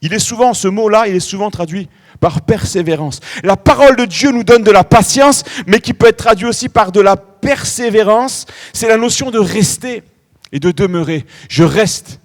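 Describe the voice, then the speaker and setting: A man's voice: high voice, normal speed. A middle-aged man preaching a sermon in a church, telling stories with lots of energy and drawing out key words. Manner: animated storytelling preacher, stretching key words. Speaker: pastor.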